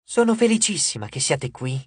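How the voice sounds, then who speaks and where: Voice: mid-range voice, sing-song, normal speed, breathy edge, no echo. An audiobook narrator voicing a vain, glamorous goddess of love who talks in a gushing, condescending and theatrical way. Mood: sweetly ominous. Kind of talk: audiobook character voice.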